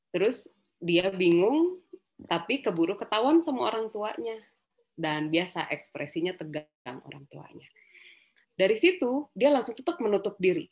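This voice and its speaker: A woman psychologist giving a casual educational talk, speaking conversationally with fillers and rhetorical questions and acting out quoted dialogue. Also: fairly low pitch. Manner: acts out quoted dialogue in livelier voices.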